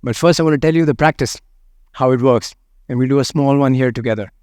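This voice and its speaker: Male meditation teacher, mid pitch, gentle and unhurried delivery, dry close-miked recording. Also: clear, resonant tone, dry recording. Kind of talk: guided meditation and talk on loving kindness.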